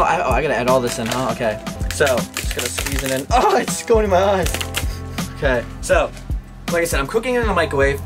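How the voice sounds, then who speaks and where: A young man with a high voice talks to his viewers in a casual vlog style. His delivery is slangy and chummy, recorded by a camera a few feet away in a small room at home, with music clearly behind him. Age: young adult. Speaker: vlogger. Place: small home rooms, indoors.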